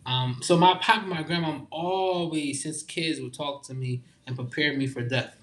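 Here is a young man in a loose, heartfelt conversation, his voice sitting a bit high for a man. His talk is full of informal slang and halting restarts as he works his way through each thought. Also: steady tone, a bit bright. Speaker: guest.

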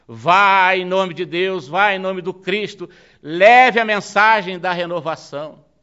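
A man's voice: high voice, slow pace, clear, resonant tone, dull audio, full character voice. A man voicing an aging pope, moved to tears, speaking in a choked and regretful way. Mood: tearful. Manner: choked, regretful, softly tearful.

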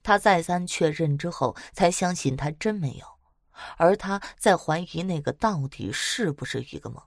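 Lively low-voiced woman telling ghost stories. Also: moderate pace, vocal fry, dry recording, studio quality. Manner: chatty, lively retelling with dramatic swells. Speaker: storyteller. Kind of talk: casual narration of spooky stories.

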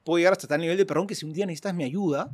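A man's voice: a little high, rapid-fire, darkish tone. A man, a priest, talking in a casual chat, acting out little dialogues in other voices and laughing often.

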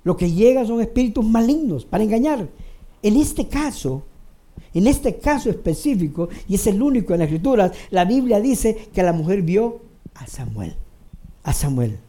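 A preacher giving a sermon to a congregation, addressing them directly, repeating phrases for emphasis and swinging between raised emphatic lines and low quiet asides. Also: very animated, normal speed.

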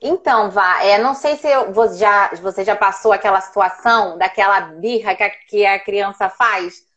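A woman and parenting educator telling a personal story in a casual call, animated as she acts out what was said. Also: medium pitch, moderate pace, lo-fi sound. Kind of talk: casual video-call conversation.

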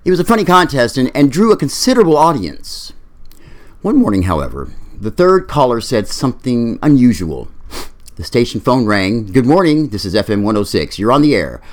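Male pastor preaching, voice swings up and down a lot, animated storytelling. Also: mid-range voice, brisk. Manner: lively storytelling, acting out quoted voices. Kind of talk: sermon.

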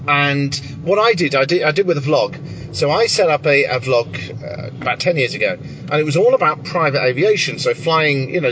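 A man talks through a podcast episode in a loose, rambling way, full of fillers and restarts. The sound is low quality: muffled, dull and captured from a bit away from the mic. Clear traffic and engine noise from the moving car sit behind him. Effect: low-quality recording, muffled and distant. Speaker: podcast host. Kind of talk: solo podcast monologue. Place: inside a moving car, as a passenger.

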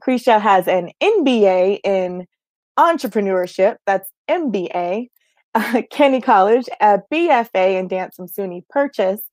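A woman's voice: mid-range voice, expressive, a little slow, darkish tone, no room sound, studio quality. Theatrical enthusiastic female host. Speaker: podcast host. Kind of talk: interview introduction and chat.

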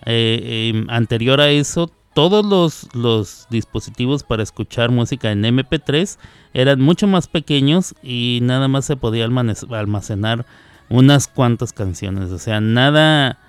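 Guy on the radio, chatty and wandering off topic, smooth resonant voice, dry close mic. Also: mid-range voice, a little slow, no room sound. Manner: rambling, digressive, self-correcting. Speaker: radio host. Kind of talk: casual radio monologue.

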